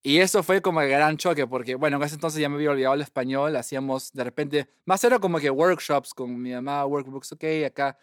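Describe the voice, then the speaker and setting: A young man, a guest telling his story in a lively way and slipping English phrases in among fillers. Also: a little high, fast talker, hardly any pauses, no room sound, clean studio sound. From Peru. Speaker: guest scientist. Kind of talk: casual interview storytelling.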